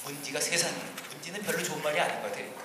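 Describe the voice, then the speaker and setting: A man preaching as a pastor, teaching a church seminar in a large hall, earnest and swinging between emphatic rises and quiet asides. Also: fairly high pitch, expressive, racing. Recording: echoey hall, distant ambient noise.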